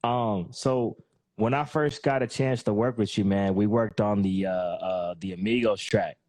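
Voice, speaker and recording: No echo on this one: a podcast host with a fairly low, darkish voice talks unhurriedly with his guest. The interview is casual and slangy, and he keeps tacking "man" and "bro" onto the ends of his lines.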